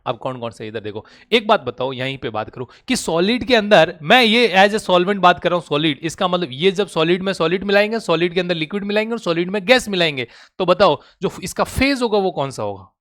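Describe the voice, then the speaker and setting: A man with a high-pitched voice teaching a class. He keeps quizzing his students with short, repeated questions. He nudges them along in a friendly, pressing way until they answer. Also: lively intonation, a bit bright. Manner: drills students with rapid questions; coaxing, calls students "beta". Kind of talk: classroom lecture.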